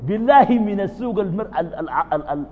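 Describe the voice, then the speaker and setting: Sudanese male preacher, high-leaning voice, muffled sound, long hall reverb, asks and answers his own questions. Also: quick pace. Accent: Sudanese Arabic. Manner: asks the audience questions and answers them himself; swings between calm explanation and sudden loud emphasis. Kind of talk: religious lesson.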